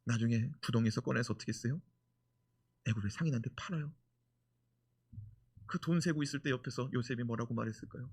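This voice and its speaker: A male pastor preaching a sermon in an animated way, full of rhetorical questions. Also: medium pitch, fast, long pauses, breathy edge.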